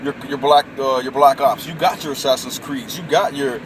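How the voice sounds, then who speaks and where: A gaming vlogger in his late twenties rants casually to the camera, packing his talk with fillers and calling everyone "man" and "bro." His voice is medium-pitched and fairly even, at a normal speed. The distant mic catches loud traffic, air conditioning and other vehicle and urban noise.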